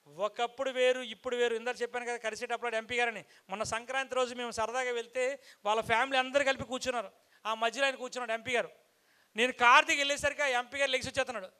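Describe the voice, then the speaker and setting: A man with a very high, ringing voice gives a rousing motivational stage speech. He leads a sales team and fires off rhetorical question after rhetorical question, pressing the crowd to shout back. His talk comes in punchy short phrases with sudden loud bursts and a bright, forceful edge. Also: clear, resonant tone.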